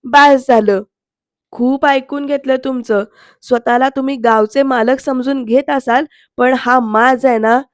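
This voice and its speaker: A composed young woman doctor, calm and measured but unbending, as a female narrator reads her lines. The voice is high with little pitch movement. The sound is dry and close. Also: dry recording. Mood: firm.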